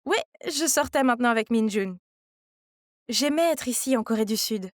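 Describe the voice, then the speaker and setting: A woman narrates a scripted story in the first person as a young heroine. Her voice is high, confiding, and animated, and she speaks at a moderate pace. The recording is very dry.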